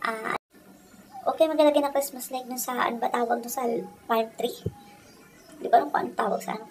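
A woman's voice: a little high, rough recording. A woman with a Filipino accent narrating a casual vlog outdoors in a park at night on a phone camera, teasing and playfully self-pitying. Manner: teasing, playfully self-pitying, shouts and sing-song at times. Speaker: vlogger. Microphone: handheld phone camera.

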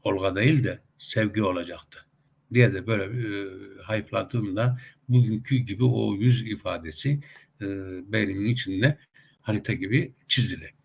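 A middle-aged commentator on a web TV channel gives talkative, casual commentary full of anecdotes, with many hesitation sounds and emphatic rising outbursts. His voice is on the low side with vocal fry, at normal speed, and there's slight background noise.

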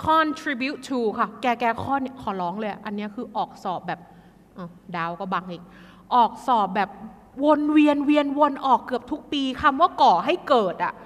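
A woman tutoring an exam class in a lively, chatty way, addressing students like kids. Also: a little high, moderate pace, in a large hall.

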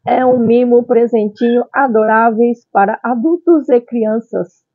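A middle-aged Brazilian woman presents products to camera in a high, cutesy voice. She takes her time, exclaims often and mixes in Japanese phrases. The sound is dull and boxy, like a phone recording. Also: unhurried, no room sound. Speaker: channel host. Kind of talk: vlog product showcase. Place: small tiled room at home.

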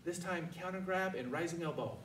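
Older guy running karate drills, commanding, highish voice, mic far off with a bit of noise. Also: brisk. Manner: commanding, instructional, calling out short counted cues. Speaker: martial arts instructor. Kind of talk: karate lesson with call-and-response drills. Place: large martial arts studio, indoors. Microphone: far camera. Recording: roomy, distant mic with faint noise.

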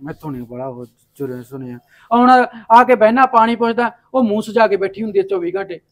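A man's voice: high voice, animated, fast. An actor playing a young adult son who bluntly insists on getting his share. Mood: insistent. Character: impatient grown son demanding his share. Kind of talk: village family drama acting.

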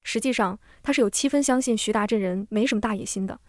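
A woman narrating a historical audio comic in a brisk storytelling manner. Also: medium pitch, a little hiss or hum.

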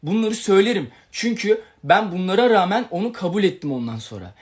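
A man's voice: high voice, lively intonation, brisk. A young man talking on a livestream, telling a long personal story in an agitated, rambling way and acting out the quarrels he recounts. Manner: agitated, rambling, retells quarrels with quoted lines. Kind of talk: emotional livestream monologue.

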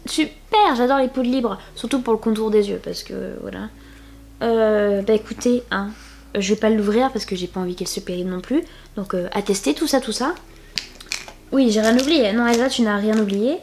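A young woman chatting through a beauty haul at home, full of fillers and quick restarts. She talks loosely and warmly to her viewers and keeps breaking off to reveal the next item. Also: mid-range voice, creaky. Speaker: beauty vlogger. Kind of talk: casual haul video chat.

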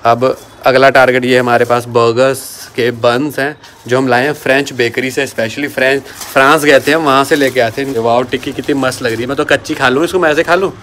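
Filming his home cooking vlog on a phone, this male vlogger keeps up playful, teasing chatter. His mid-range voice stays steady and a bit bright, moving fairly quickly with hardly any pauses, over a little hiss or hum.

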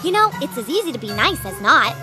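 Picture a spoiled teenage girl dog from a cartoon, talking in a very high, shrill voice that leaps all over the place. She is bossy, sarcastic and theatrical. Cartoon music plays loudly underneath. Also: big pitch swings, fast.

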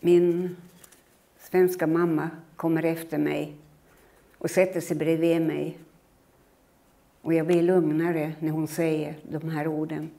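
A woman in her eighties from Finland tells her life story in a measured, reflective lecture. Her voice sits a little low and sounds mellow and warm. She recreates her own remembered words as she goes. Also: level tone, gravelly. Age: 80s.

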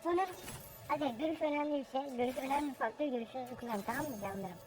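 A gamer's voice, raised high by a helium effect, commentates on their own play over clearly audible music. The delivery is casual and cocky, styled as a crude mock tutorial full of slang and cursing. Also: racing. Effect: pitched-up helium voice effect. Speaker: gaming video creator commentating own gameplay.

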